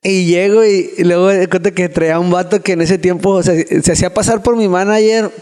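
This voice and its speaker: A man's voice: high-pitched, fairly even intonation, fairly quick, a little mellow. A young man with a Mexican accent, a podcast guest telling a personal story in slangy, self-mocking casual chat. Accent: Mexican Spanish. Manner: slangy, peppers speech with filler words, self-mocking. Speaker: guest youtuber.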